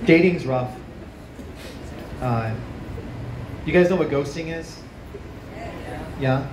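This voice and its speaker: A man in his thirties doing a stand-up comedy set into a handheld mic, animated, jumping to high yelps on punchlines, with an audience laughing. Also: slow. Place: small outdoor rooftop stage with plants. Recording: distant camera, roomy echo, noisy ambience. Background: live audience laughter.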